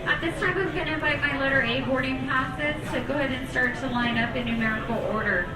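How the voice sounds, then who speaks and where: A woman's voice: sits high, fairly even intonation, quick pace, over a noisy crowd. A woman working as an airline gate agent, making boarding announcements over a public address system. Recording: echoey terminal PA, distant, background noise.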